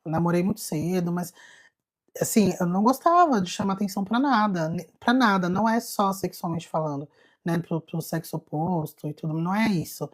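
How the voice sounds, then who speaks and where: A Brazilian woman with a Brazilian Portuguese accent, hosting a spiritual live stream and telling a personal story in an animated, confiding way, often calling out to viewers. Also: fairly low pitch, brisk. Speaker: spiritual self-knowledge host.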